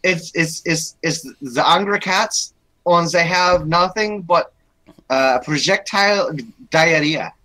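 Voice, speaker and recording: A man's voice: on the high side, slow, sharp tone, rough recording. A young man co-hosting a casual gaming chat, rambling with many restarts. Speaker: podcast co-host.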